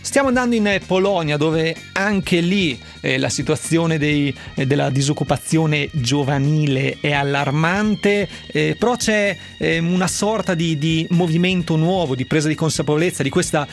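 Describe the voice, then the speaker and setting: A man's voice: fairly high pitch, moderate pace, hardly any pauses, faint music behind. A man hosting a radio talk show, introducing topics and guests in a rambling way with many restarts. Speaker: radio host.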